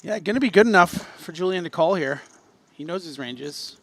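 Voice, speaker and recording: A male poker commentator with a slightly raised, lively voice. He talks the action through in a chatty way and breaks into excited yelps when a hand turns. He is calling play live from a commentary booth. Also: high voice, normal speed, no room sound.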